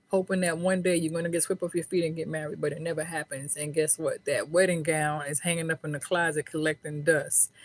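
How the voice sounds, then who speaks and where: A middle-aged woman gives a casual tarot reading in colloquial American speech, chatty and folksy. Her voice is deep and a little mellow. She swears freely and often checks in with "right?".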